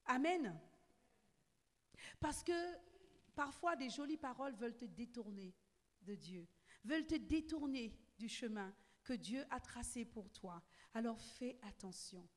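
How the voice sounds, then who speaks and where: A high-pitched woman from the French Antilles preaches in a church, her voice ringing with a long echo around the hall. She repeats her phrases and drops in amen after amen, building to loud, fervent exhortation. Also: expressive, a little slow. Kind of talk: sermon.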